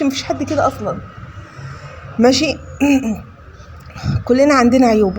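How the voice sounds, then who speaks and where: A woman's voice: a little high, a little mellow, slight background noise. A woman with an Egyptian accent, a cooking vlogger chatting casually to her viewers while she cooks, scolding and preachy, calling them her kids. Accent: Egyptian Arabic.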